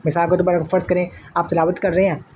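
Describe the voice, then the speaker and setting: High-voiced man teaching Quran recitation. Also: level tone, fast talker, a little mellow, a little hiss or hum. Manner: patient step-by-step explaining, asks and answers his own questions. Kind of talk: spoken lesson with chanted recitation examples.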